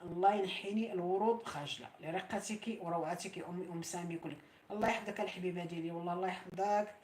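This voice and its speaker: A middle-aged Moroccan woman chatting on a live stream, warmly thanking and blessing her viewers. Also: medium pitch. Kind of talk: casual live-stream chat. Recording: roomy echo.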